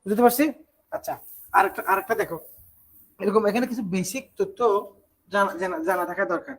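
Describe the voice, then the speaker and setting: A teacher from Bangladesh giving an online English grammar lesson, explaining step by step and asking quick check questions. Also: medium pitch, fairly bright tone, a little hiss or hum, low-quality recording.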